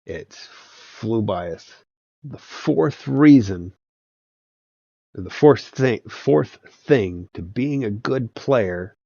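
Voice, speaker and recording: Guy with a lowish voice rambling about game tips, lots of uh and restarts, dry muffled recording. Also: lively intonation, very slow, vocal fry, warm tone, breathy edge, no room sound. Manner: meandering, many hesitations and restarts. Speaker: tabletop game master and video host. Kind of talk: casual rambling advice talk. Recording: dull lo-fi sound with faint background music.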